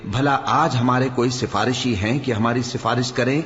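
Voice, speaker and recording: A man reading a scripture translation aloud in a measured, solemn way, dropping low at the end of each verse. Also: steady tone, a bit bright. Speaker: scripture reader. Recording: reverberant, dull lo-fi hall recording.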